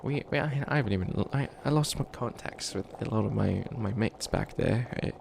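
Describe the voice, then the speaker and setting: Over a noisy background, a man with a lowish, slightly fast voice and some vocal fry plays an ancient bunny witch, a flustered, kindly failed villain mentoring a new apprentice. In this comedic ASMR roleplay he rambles, stammers, apologizes and trails off, sounding wistful and exasperated.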